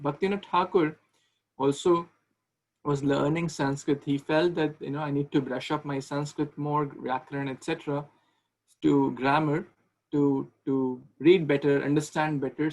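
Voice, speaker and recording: Over a webcam video call, a man in his thirties leads a conversational online devotional class from a small room with a ceiling fan, repeating words, restarting often, and asking questions. His slightly high voice has vocal fry and a darkish tone, and the recording is low quality.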